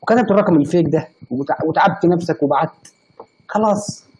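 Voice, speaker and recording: A man's voice: on the high side, fast, darkish tone, rough recording. A young man with an Egyptian accent, hosting a casual live stream and teasing his chat with mock-angry banter. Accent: Egyptian Arabic. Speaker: livestream host.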